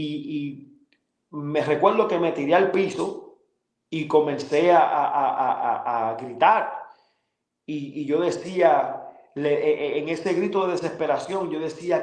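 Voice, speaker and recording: Earnest man giving a halting testimony. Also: on the high side, reverberant, poor audio. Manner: halting, full of fillers and repeated words, earnest. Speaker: guest sharing a personal testimony.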